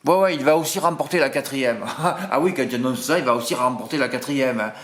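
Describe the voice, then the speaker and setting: This is a casual monologue from a horse racing tipster, a southern French man with a Marseille accent who chats away, pokes fun at himself and adds small asides to his sentences. He speaks fairly quickly in a mid-range voice with a fairly bright tone, and the room echoes.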